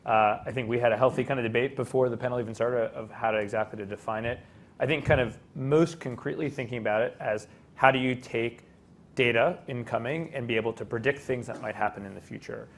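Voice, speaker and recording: A man's voice: medium pitch, fast talker. A man giving conversational explanations as a tech panelist. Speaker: panelist, tech team lead.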